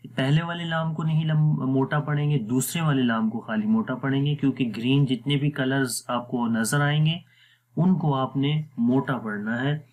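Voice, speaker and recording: A man with a Pakistani Urdu accent teaching Quran recitation rules in a patient, explanatory lesson, drawing out words slowly to demonstrate them. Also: medium pitch, fairly even intonation, darkish tone.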